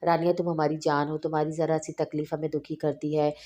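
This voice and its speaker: A woman's voice: low voice, flat delivery, fairly quick, warm tone, close to an everyday voice. A woman voicing a caring elder sister-in-law who speaks in a reassuring, protective way. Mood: tender.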